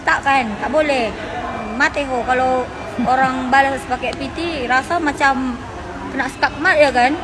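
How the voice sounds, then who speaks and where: A woman's voice: high voice, fairly even intonation, measured pace. A woman with a Malay-tinged Indonesian accent ranting back at a critic, indignant and retorting. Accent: Indonesian with Malay influence. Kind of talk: reply video rant. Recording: outdoors with busy crowd and street noise.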